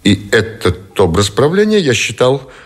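An actor playing a reserved, dignified naval admiral in a radio drama, speaking in a measured, formal, deliberate way. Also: male voice, mid-range voice, big pitch swings. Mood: formal, composed. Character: Admiral Kolchak, reserved, dignified naval officer under interrogation. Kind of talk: Russian radio drama acting.

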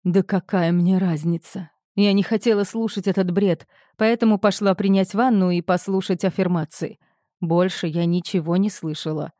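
A woman reading the part of a hysterical, frightened young woman in an audiobook, shrill and tearful. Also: steady tone, normal speed, mellow, no room sound, studio quality, natural voice. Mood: irritated.

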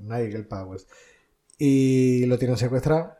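A man with a Spanish accent co-hosting a casual film podcast, recounting scenes in a lively storytelling manner. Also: mid-range voice, unhurried. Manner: animated storyteller, quotes lines in voices. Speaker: podcast co-host.

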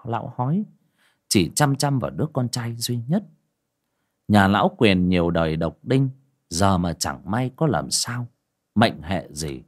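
A man reading a horror tale aloud with a lively, rising and falling delivery. His voice is low-set and husky, with expressive storytelling. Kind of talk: audiobook horror story narration.

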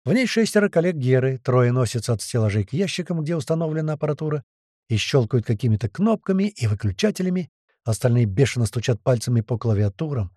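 Expressive male audiobook narrator. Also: mid-range voice, fast talker, no echo, studio quality. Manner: lively, expressive storytelling.

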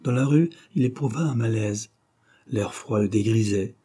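Man with a low, husky, dark voice. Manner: steady, measured storytelling. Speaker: audiobook narrator. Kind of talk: scripted narration of a classic novel.

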